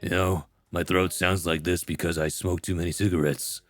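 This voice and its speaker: A man voicing a jaded, street-hardened smoker with a throaty rasp. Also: sits low, flat delivery, normal speed, no echo. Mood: jaded, brooding.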